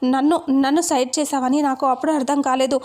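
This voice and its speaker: A woman's voice: high voice, fairly even intonation, a little fast, close to an everyday voice. A woman reading a bitter, accusing young husband. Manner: accusing, shouting. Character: angry young husband who feels betrayed.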